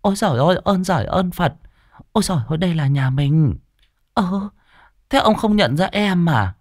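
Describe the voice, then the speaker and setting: A man's voice: expressive, normal speed, dry recording, clean studio sound. A man voicing the anxious, fussing wife of a mandarin in a raised voice. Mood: relieved. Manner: high fussing cries.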